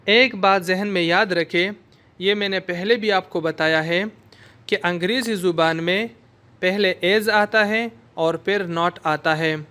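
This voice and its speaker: Male teacher: high, crisp voice, drills words very slowly. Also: pushed and bright. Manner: repeats words slowly for students to echo. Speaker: language teacher. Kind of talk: recorded lesson, slow drilled pronunciation.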